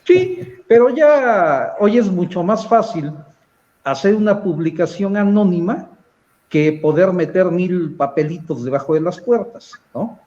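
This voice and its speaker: A man with a Mexican accent speaking as a panelist in a political discussion, measured and analytical, often pausing on hesitant fillers. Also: high-pitched, lively intonation, darkish tone, muffled recording.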